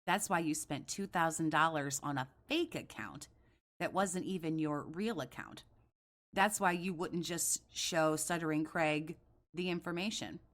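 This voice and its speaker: Woman doing reaction commentary, lowish voice, sarcastic and blunt, swears a lot, telling someone off. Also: unhurried, a bit bright.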